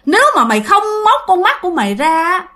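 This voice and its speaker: A menacing male spirit possessing a young man, put on by a woman telling a ghost story. He speaks in slow, drawn-out, gloating demands, pitched high with a bright, forceful edge. The delivery lingers over each threat. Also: very animated, full character voice.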